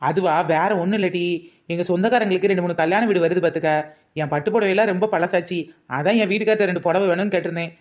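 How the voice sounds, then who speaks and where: Woman, rapid speech, gossipy, defensive, comedy skit. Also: on the low side, darkish tone. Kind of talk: comic village-gossip skit.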